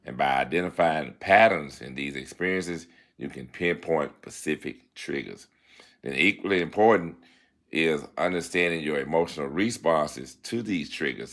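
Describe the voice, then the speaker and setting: On a self-help show, the host alternates formal readings with laid-back, folksy remarks while dispensing advice, frequently asking "all right?". His voice is a deep, rumbling low.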